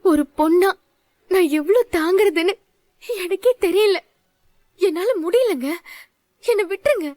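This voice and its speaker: A woman's voice: extremely high pitch, unhurried, pauses often, darkish tone, dry recording. A woman voicing a hurt pleading wife. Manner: pleading, tearful. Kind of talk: Tamil serial dub acting.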